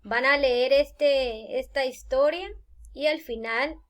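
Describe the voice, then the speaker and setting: A woman teacher giving a recorded lesson, explaining step by step with deliberate pauses and fillers. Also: sits high, fairly bright tone.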